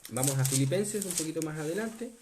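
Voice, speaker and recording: A man gives a Bible teaching sermon in a slightly high voice. He leans on key words and slows down to stress them. He keeps asking his listeners whether they follow. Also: animated, background noise. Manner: asks the listeners to confirm often; emphatic on key words, slowing down. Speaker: preacher.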